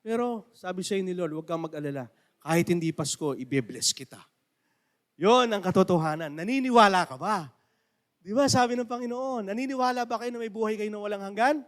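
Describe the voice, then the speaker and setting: A male pastor preaching a sermon and telling stories with animated rises into near shouts. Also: high voice, a little fast. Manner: animated storytelling with rising shouts.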